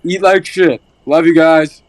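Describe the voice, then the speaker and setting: A man's voice: on the high side, steady tone, a little slow, rough recording. A man hosting a casual podcast, loose and profane, rambling with lots of fillers. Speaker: podcast host.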